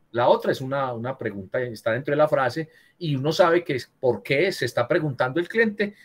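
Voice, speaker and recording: A man teaching a writing class over a video call, correcting students and checking in with them often. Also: medium pitch. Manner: corrects students, keeps asking "¿cierto?". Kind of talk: virtual class lesson on writing.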